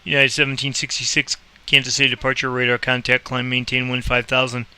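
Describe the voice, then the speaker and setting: A host explains a simulator game in a casual screen-recorded tutorial, playing air traffic controller with clipped radio calls. His very bright, sharp voice stays fairly flat in pitch and comes through clean and clear. He talks fairly quickly, rambling informally and thinking aloud between calls.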